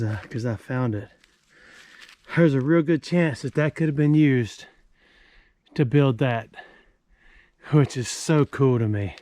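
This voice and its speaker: A man's voice: medium pitch, a little mellow. A man giving casual, wryly joking commentary outdoors as he vlogs about metal detecting. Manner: folksy, wry joking. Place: outdoors in a rural yard.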